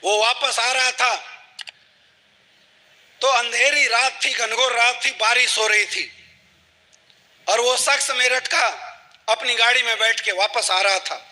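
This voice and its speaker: A man's voice: extremely high pitch, steady tone, slow, long pauses, bright, forceful tone, long reverb tail. A man giving a motivational talk to a live audience, telling a story and asking the audience rhetorical questions. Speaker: motivational speaker.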